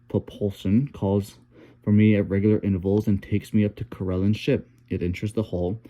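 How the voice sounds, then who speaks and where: A captive diplomat explains his situation slowly and carefully, read by a man. He stays measured and guarded throughout. The voice is lowish and very mellow, as in an audiobook scene. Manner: cautious, measured. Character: kidnapped diplomat, cautious, guarded middle-aged man.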